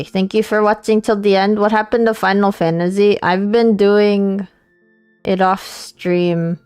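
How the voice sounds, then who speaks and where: A woman's voice: medium pitch, a little mellow, smooth, no echo. A woman streamer chatting casually and informally to viewers on a livestream.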